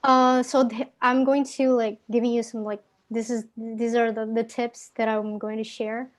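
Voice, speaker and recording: In a live online English class, a young Indonesian woman with an Indonesian accent acts as guest speaking tutor, giving casual tips. She talks at a moderate pace in a level tone, her voice a little high. Fillers, restarts and self-corrections are frequent.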